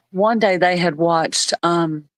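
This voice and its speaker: A woman telling family stories in a casual live chat, animated and laughing often. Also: fairly low pitch, dry recording. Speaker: live stream co-host.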